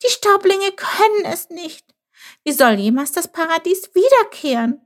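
A woman's voice: high-pitched, sing-song, normal speed, a bit bright, pitched above the performer's own voice. A woman voicing a small, eager young male bird who talks earnestly and stammers when upset. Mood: distraught.

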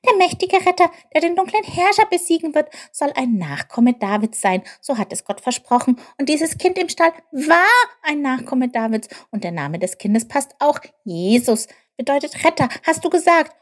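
A woman voicing a small, curious young male creature who talks in an excited, impatient, squeaky way. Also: normal speed, hardly any pauses.

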